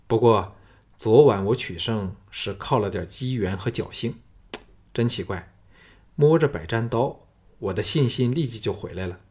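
A man voicing a confident, easygoing young male swordsman who talks in a relaxed, slightly wry way, with a low, husky voice. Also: normal speed.

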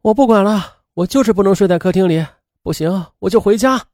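A man voicing a weary, aggrieved female nanny who complains in a soft, pleading way. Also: a little high, expressive, quick pace, dry recording, studio quality, voice pushed up. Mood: fed-up.

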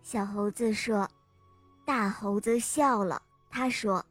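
A woman narrating a children's bedtime story in a slow, gentle, sing-song way. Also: medium pitch, fairly even intonation, faint music behind.

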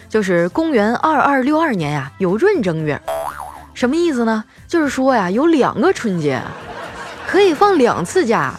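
A female host telling scripted comic stories in a playful way, chuckling between jokes. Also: mid-range voice.

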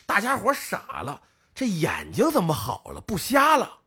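A man spins a folk story for his co-host in a chatty podcast. His voice sits slightly high and swings widely in pitch as he acts out the villagers. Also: huge pitch swings, a little slow, pushed and bright, slightly rough. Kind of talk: casual storytelling chat.

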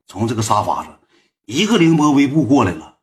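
A young man with a Northeast Chinese accent, telling a story to his viewers in a slangy, swearing, animated way with lots of repeated asides. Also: mid-range voice, fairly quick, very noisy. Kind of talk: storytelling to a livestream audience.

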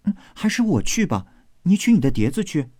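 A man reading aloud voices an eager young maidservant girl who chatters brightly and apologizes quickly, in a storybook reading. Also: fairly high pitch, very animated, no room sound, studio quality, pitched above the performer's own voice.

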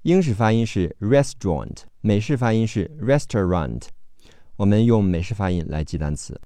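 A male English teacher giving a phonics vocabulary lesson, spelling out letters and then repeating each word slowly. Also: lowish voice, lively intonation, mellow, clear, resonant tone, no room sound.

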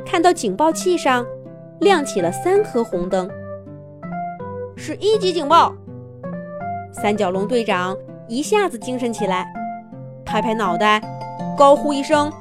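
A woman narrating a scripted story for young children in an expressive, dramatic, clearly phrased way. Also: a little high.

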